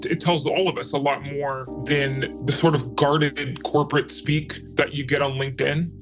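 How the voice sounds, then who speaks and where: A meme page admin in his thirties, his voice altered for anonymity, chats candidly in loose, rambling sentences during a casual interview. His mid-range voice has little pitch movement and a normal pace, with music playing behind him on a low-quality recording.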